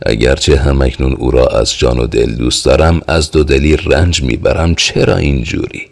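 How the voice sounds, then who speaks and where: A man reading the lines of a brooding young man, slow and doubtful, in an audiobook. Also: extremely low pitch, steady tone, vocal fry, exaggerated voice. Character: young man, brooding and hesitant about marriage.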